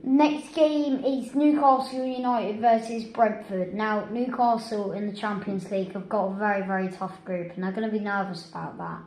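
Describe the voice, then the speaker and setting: A woman hosts a relaxed football chat, chatty and a little hesitant. Her voice is mid-pitched. The room is echoey, with faint background noise. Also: moderate pace, hardly any pauses. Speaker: host. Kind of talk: casual football prediction chat.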